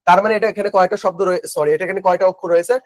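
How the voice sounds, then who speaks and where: A man's voice: sits high, steady tone, rapid-fire, no room sound. A young man teaching an exam-prep lesson, asking questions and answering them himself in a casual manner. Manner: asks questions and answers them himself, repeating key terms; informal, mixes English words into speech. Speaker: admission test tutor. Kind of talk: online exam-prep lecture.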